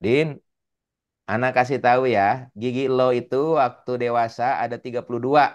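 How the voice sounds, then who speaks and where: A man voicing a male religious teacher who gently questions a student. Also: mid-range voice, steady tone, moderate pace, clean tone, dull audio, close to an everyday voice. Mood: coaxing. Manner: coaxing, questioning.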